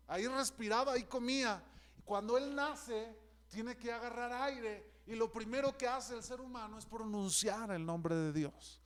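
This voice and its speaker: A man preaching a sermon in a notably high, smooth and resonant voice. He speaks with fervent conviction and keeps addressing the congregation directly as brother. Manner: fervent preaching, often calls out "hermano". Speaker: pastor.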